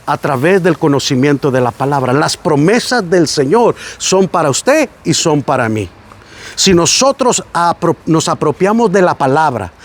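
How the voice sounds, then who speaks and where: A man with a Mexican Spanish accent, preaching a sermon on a site visit and telling stories that act out the voices he quotes. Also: fairly high pitch. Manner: animated storytelling, acting out quoted voices. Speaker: pastor.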